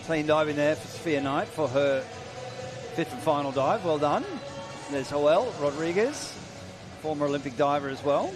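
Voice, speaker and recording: A middle-aged man commentating on diving in a relaxed, chatty, joking way. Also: a little high, moderate pace. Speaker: diving commentator, academy coach. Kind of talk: live sports commentary. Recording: loud music behind commentary.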